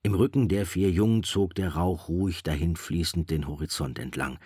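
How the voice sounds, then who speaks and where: A man narrating a novel in a measured, steady storytelling voice. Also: sits low, husky, no room sound, clean studio sound.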